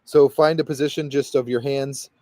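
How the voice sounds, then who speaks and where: A man's voice: medium pitch, steady tone, moderate pace, dark tone, no room sound. A man leading a guided meditation as a spiritual guide, talking in a rambling, hesitant way full of fillers and restarts.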